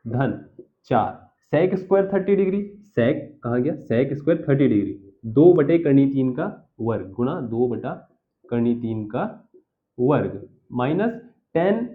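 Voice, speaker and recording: A man teaching a school math lesson, working through each step aloud and often checking in with the class. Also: mid-range voice. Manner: talks himself through each step, keeps checking "theek hai sir". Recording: tinny phone-like audio.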